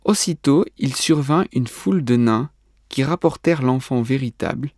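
A man reading a folk tale aloud in a measured, careful way for a language textbook recording. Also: mid-range voice, expressive, a little mellow, dry recording, studio quality. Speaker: reader of a textbook audio text. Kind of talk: scripted narration.

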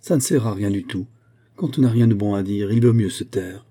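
A man voicing a frail young woman singer who is sorrowful and quietly resigned, in a soft, subdued, weary audiobook delivery. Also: fairly low pitch, a little fast, close to an everyday voice. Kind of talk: audiobook character voice.

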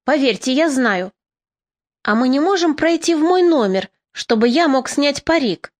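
A woman's voice: high-pitched, expressive, measured pace. A woman reading an audiobook, voicing a frightened man disguised as a woman who pleads in a trembling way. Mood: pleading. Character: frightened cross-dressed man posing as a woman.

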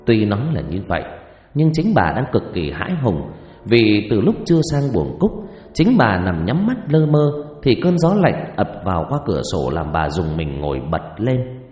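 A man's voice: fairly low pitch, very animated, normal speed, darkish tone. Give me a male storyteller reading a suspenseful ghost story in a roomy, echoey recording. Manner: dramatic, suspenseful delivery. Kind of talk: scripted ghost-story narration. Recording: echoey reverb with faint music.

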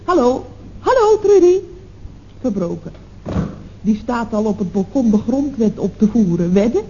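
An actress playing a chatty, gossiping office secretary in a 1960s radio comedy, exclaiming down the telephone. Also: female voice, medium pitch, normal speed, dark tone, lightly acted. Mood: gossipy. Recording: dull old radio recording with faint hiss.

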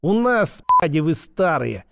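A calm woman psychologist, as a male reader puts her on, laying out her arguments in a sober, level tone. The voice is lifted clearly higher than the narrator's. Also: unhurried, exaggerated voice. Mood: calm arguing. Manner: calm, reasoning.

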